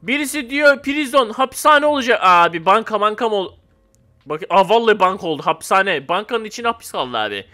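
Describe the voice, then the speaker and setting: A young man giving casual gameplay commentary, excitable and loud at times, then dropping to a flat mock-calm mumble. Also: sits high, a little fast, faint music behind. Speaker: gamer.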